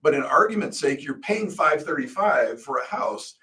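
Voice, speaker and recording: Lively in intonation and forceful in tone, this middle-aged American man's slightly high, bright voice runs at a normal speed, far from the microphone. He co-hosts a radio talk show, explaining casually through hypothetical examples and self-answered questions.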